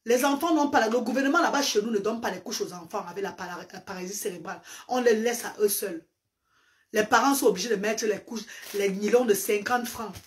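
A fervent woman whose first language is Medumba speaks in a slightly high, somewhat bright voice, preaching with emphatic repetitions. She's a live-stream host and parent advocate giving an impassioned social-media live address. Filmed at close range on a phone camera, she sits on a sofa in a small indoor room.

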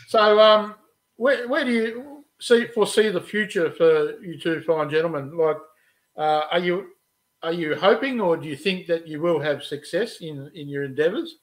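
A man's voice: on the high side, measured pace, pauses often. A middle-aged man co-hosting a casual show, chatty and joking, with restarts. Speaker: podcast co-host. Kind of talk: casual chat. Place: studio room, then wood workshop.

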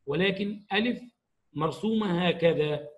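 Male teacher with a high voice, patient and explanatory, stresses each example word. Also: unhurried, lo-fi sound. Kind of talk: grammar lesson for young pupils.

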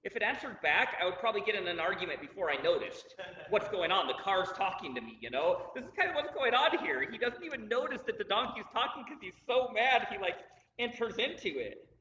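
A man giving a chatty, animated bible lesson, laughing often, in a distant, echoey recording. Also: high-pitched, brisk, slight background noise. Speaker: bible teacher. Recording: roomy, distant, dull recording.

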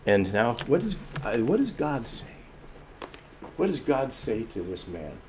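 Male pastor preaching, earnest, gets loud then soft, repeats himself a lot, average pitch. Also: big pitch swings, unhurried, slight background noise. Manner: earnest, emphatic, shifts often between loud and soft; repeats and restarts phrases while explaining. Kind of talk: sermon.

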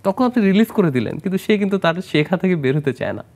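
A Bangladeshi plastic surgeon, male, talks fast in a high, darkish, sing-song voice as a studio health interview guest. His treatment explanations mix in English medical terms, and he asks the host questions too.

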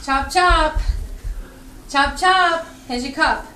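An older woman, a grandmother, talking to a toddler at home in a high sing-song way. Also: takes it slowly, distant mic. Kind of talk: casual home video talk to a toddler. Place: family home, another room. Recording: echoey, off-mic, noisy home video.

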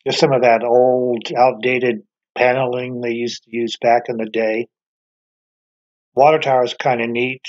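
A middle-aged man of medium pitch walks an abandoned motel in the snow, narrating casually to a handheld camera held at arm's length. As an urban explorer vlogger, he's chatty and enthusiastic and often wanders off on asides. The audio has its highs cut off.

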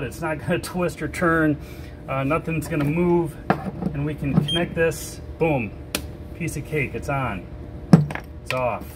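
A man's voice: fairly high pitch, background noise. Older man explaining a boat repair. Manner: relaxed, explains step by step while working. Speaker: sailing vlogger. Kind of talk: hands-on how-to demonstration. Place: large boat storage shed, indoors.

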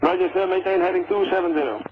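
A male air traffic controller giving brisk procedural instructions over aviation radio. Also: high-pitched, narrow, tinny audio.

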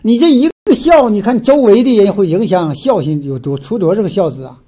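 Northeastern Mandarin man, folksy lecturer, high animated voice, restarts a lot, muffled lo-fi audio. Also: brisk, husky. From Northeast China. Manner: animated storyteller, frequent filler restarts. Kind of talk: folksy moral lecture with storytelling. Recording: dull lo-fi recording.

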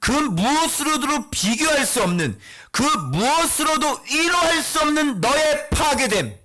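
A man preaching a sermon as pastor. He asks the congregation questions and answers them, and he swings from hushed whispers to shouts. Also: extremely high pitch, very animated, a little slow.

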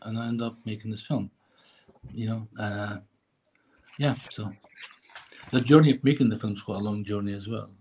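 A man's voice: fairly low pitch, fairly even intonation, moderate pace, long pauses, mellow, a little hiss or hum, rough recording. A middle-aged man from Lebanon, a filmmaker answering interview questions over a video call, talking hesitantly. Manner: hesitant, many fillers and restarts. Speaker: filmmaker guest. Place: room indoors.

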